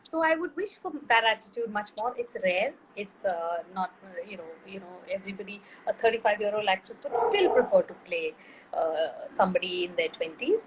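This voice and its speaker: A woman's voice: mid-range voice, expressive, fairly quick, crowd noise, rough recording. A middle-aged woman, a film director being interviewed, speaking thoughtfully with frequent fillers and restarts. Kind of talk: interview conversation.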